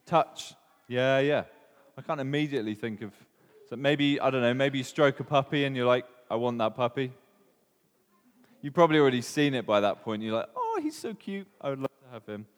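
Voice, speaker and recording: Speaking with a Welsh accent, this preacher keeps his sermon casual and chatty, firing questions at the room with frequent ums. The voice is mid-range, brisk and highly animated, heard against the long reverb of a hall.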